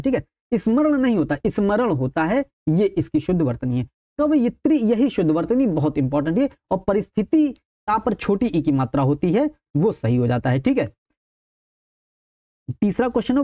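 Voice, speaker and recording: A woman's voice: medium pitch, warm tone. A woman teaching an online exam-prep lesson. She calls her viewers friends, repeats each answer and keeps checking with "okay". She keeps flagging points as important to remember. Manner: stresses what is important and tells viewers to keep it in mind.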